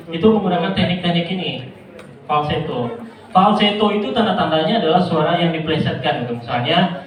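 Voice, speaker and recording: Playful high-voiced man teaching in an echoey hall. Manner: lively, playful, chuckling often. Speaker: storytelling trainer. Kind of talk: workshop lesson with voice demonstrations. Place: large indoor hall with an audience. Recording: echoey hall, mic from a distance. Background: audience murmur.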